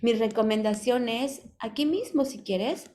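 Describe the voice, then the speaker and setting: A woman's voice: fairly high pitch, a little slow, mellow, slight background noise. A Mexican woman guiding students through an online class. She reads instructions from the screen and explains them patiently, with an affectionate tone toward her students. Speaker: virtual class advisor.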